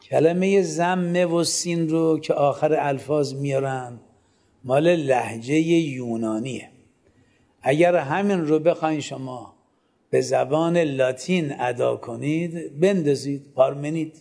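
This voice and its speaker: A man's voice: a little high, creaky, darkish tone. Man lecturing with rhetorical questions. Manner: poses rhetorical questions and answers them himself; gives students direct instructions. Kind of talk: classroom lecture.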